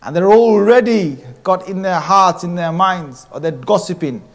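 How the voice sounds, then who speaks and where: A man's voice: high voice, normal speed. A man with a British accent giving a mosque sermon, speaking directly to brothers and sisters and repeating phrases for emphasis. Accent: British English. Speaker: preacher. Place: mosque hall.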